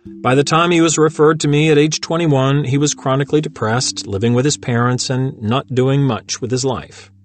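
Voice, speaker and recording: A man reads scripted self-help audiobook narration as a therapist, in a measured, instructive way. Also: medium pitch, steady tone.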